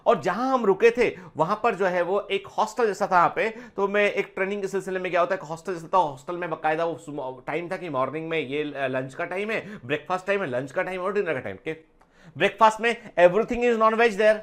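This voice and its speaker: A man's voice: high-pitched, brisk. A man teaching biology in an online exam-prep lecture, chatty, mixing English phrases into his talk and telling personal stories.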